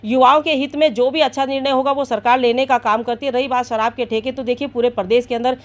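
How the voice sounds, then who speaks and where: धीमी, औपचारिक महिला प्रवक्ता. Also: female voice, high-pitched, fairly even intonation, quick pace, highs cut off. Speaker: party spokesperson. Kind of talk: press statement.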